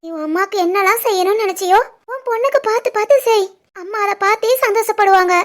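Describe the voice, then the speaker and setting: A woman voicing a high, soothing young wife. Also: quick pace. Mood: tender. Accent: Tirunelveli Tamil. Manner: soothing, coaxing. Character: caring young wife, gentle and comforting. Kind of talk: animated family drama.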